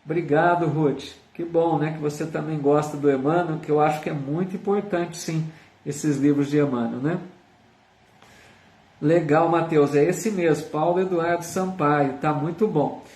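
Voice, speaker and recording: Speaking at a normal speed in a slightly high, darkish voice with fairly even intonation, a Brazilian Portuguese-accented man hosts a live online Spiritist study. He teaches earnestly, reads viewers' comments aloud, and leans on tag questions. The recording sounds roomy, with the speaker distant from the mic.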